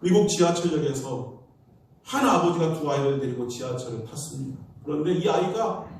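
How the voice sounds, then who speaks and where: A male pastor preaches a Sunday sermon, with a somewhat high voice and a lively, swinging pitch. He tells stories and acts out the people in them. His voice rings through a big, echoing church hall and sounds distant from the mic. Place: church sanctuary.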